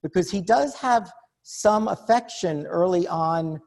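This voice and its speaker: A man's voice: high-pitched, measured pace, gravelly, darkish tone. A man hosting a casual film discussion, asking probing, rambling questions.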